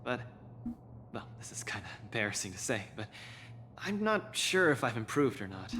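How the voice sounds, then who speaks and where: A man's voice: mid-range voice, sing-song, normal speed, sharp tone. An actor playing an earnest, humble but plucky young male fighter in a video game. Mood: humble, doubtful. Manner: earnest, youthful. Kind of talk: scripted video game dialogue. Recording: game music behind the voice.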